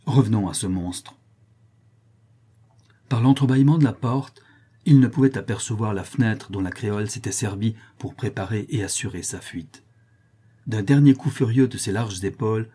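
A man's voice: lowish voice, normal speed, warm tone, husky. A man narrating a classic novel as an audiobook in a dramatic storytelling manner.

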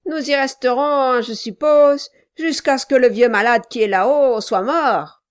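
A woman's voice: high voice, unhurried, clean tone, pitched above the performer's own voice. A woman reading an audiobook, voicing a malicious, cruel dwarf man who barks orders and taunts with mock sweetness. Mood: bullying.

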